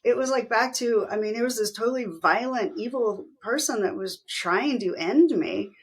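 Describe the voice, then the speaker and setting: A middle-aged woman speaks candidly as an interview guest, her voice carrying a gravelly fry. She retells events vividly, lifting her pitch sharply to act out what others said. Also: moderate pace. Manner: animated retelling, acting out quoted voices with pitch jumps. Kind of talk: candid personal storytelling.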